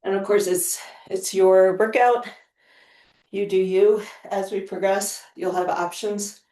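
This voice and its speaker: A woman's voice: mid-range voice, steady tone, slow pace, dark tone, far from the mic. A woman leading a strength workout, counting reps aloud and reassuring people to go at their own pace, often sighing between sets. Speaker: fitness instructor. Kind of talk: live workout coaching. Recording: roomy sound from away from the mic.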